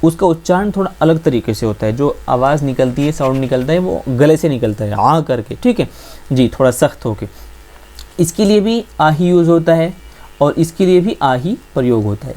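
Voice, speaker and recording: A man's voice: fairly high pitch, dark tone. Man teaching letters with self-answered questions. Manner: quizzing questions he answers himself, repeating slowly. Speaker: Urdu teacher. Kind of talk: classroom-style script lesson.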